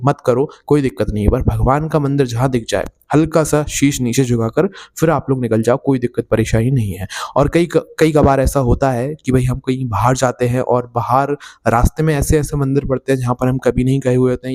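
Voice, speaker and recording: A man's voice: medium pitch, warm tone, no room sound. Plain-spoken man explaining devotional practice. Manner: repetitive, addresses viewers as brothers and friends. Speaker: devotional video narrator.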